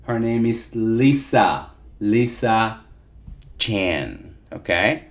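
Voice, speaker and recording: A man's voice: fairly low pitch, expressive, very slow. A man teaching a live interactive online lesson, repeating points and often checking in with his listeners. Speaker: teacher of call-centre English.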